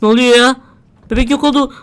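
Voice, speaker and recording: A woman's voice: on the high side, steady tone, quick pace. A woman playing a horror game, talking to herself as she goes, jumpy and easily frightened. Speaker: gamer. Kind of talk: horror game let's play commentary.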